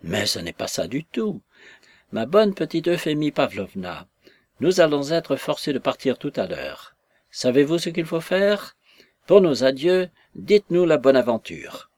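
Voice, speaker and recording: Jovial joking young man, hearty, lively pitch, dry sound, acted by a man. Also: unhurried, no room sound. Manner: hearty, laughing.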